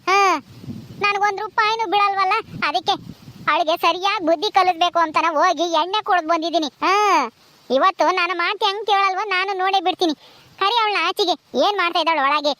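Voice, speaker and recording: A woman playing a drunk, bossy village mother-in-law who shouts and taunts in a comedy skit. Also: very high voice, dry recording. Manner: shouting, taunting, slurred bluster.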